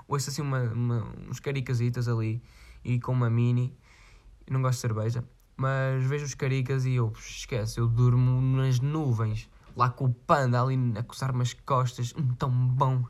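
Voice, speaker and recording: A man with a European Portuguese accent, chatting casually in a vlog and reading out viewer requests in a rambling, slangy way with frequent swearing. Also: medium pitch. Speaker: vlogger.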